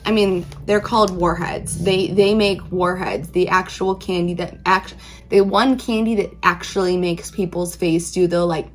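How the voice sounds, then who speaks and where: A woman's voice: fairly low pitch, steady tone, moderate pace. Casual woman chatting through a taste test. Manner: informal, emphatic, rambling. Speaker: candy reviewer, video host.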